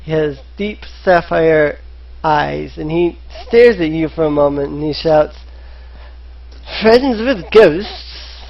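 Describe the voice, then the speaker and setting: A gravelly voice runs a tabletop game at an unhurried pace, pausing often on filler sounds. The recording is dull and lo-fi, like an old online voice chat. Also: mid-range voice. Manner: hesitant, many filler sounds. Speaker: dungeon master.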